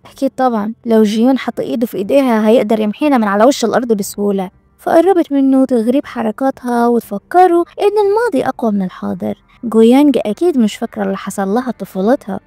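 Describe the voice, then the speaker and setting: A woman with an Egyptian accent narrates a drama recap with playful, sarcastic asides. Her delivery is very fast, her voice slightly high with a mellow, darker tone, recorded close and dry. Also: vocal fry, no room sound. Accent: Egyptian Arabic. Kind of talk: scripted narration with witty asides.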